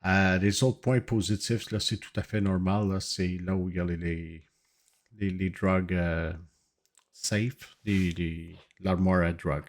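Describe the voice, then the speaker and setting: Man playing a low-voiced, halting official. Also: steady tone. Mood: formal, concerned. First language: not French. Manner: halting, formal, hesitant. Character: formal, hesitant hospital security official, male. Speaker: hospital official or inspector. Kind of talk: improvised role-play.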